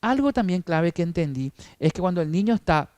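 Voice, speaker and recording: Argentine man teaching, rather high voice. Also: expressive, brisk, a little mellow, dry recording. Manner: explanatory, repeats with rhetorical questions. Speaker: teacher trainer at a church. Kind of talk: training talk for Sunday school teachers.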